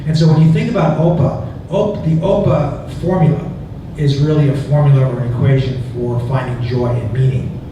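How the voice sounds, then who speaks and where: At a museum event hall, a man presents his book to an audience in a conversational way, restarting sentences and adding chuckling asides. His mid-range voice is at normal speed, heard far off in an echoey hall through a muffled, noisy recording.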